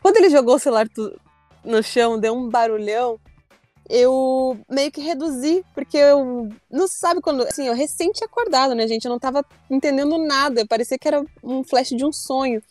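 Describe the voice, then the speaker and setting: A young woman telling a story in a casual chat, animated, acting out her own shouts and quotes. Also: high voice, fairly quick, dry recording, soft background music. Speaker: storyteller guest.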